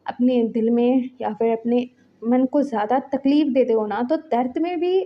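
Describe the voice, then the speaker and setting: A woman's voice: fairly high pitch, moderate pace, highs cut off. A woman casually retelling a fan fiction story in a chatty, conversational way.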